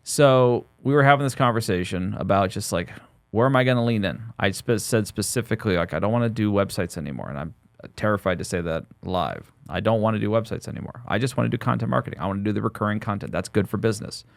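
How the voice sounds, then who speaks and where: A man's voice: on the low side, animated, quick pace, gravelly, no echo. A man in his forties co-hosting a podcast in casual chat, rambling and joking with frequent restarts. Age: 40s. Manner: rambling, jokey, restarts often. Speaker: podcast co-host.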